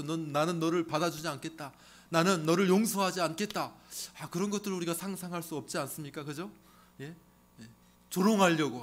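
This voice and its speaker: A man's voice: a little high, fairly bright tone. A man preaching a sermon as pastor, emphatic, repeating phrases and asking the congregation questions.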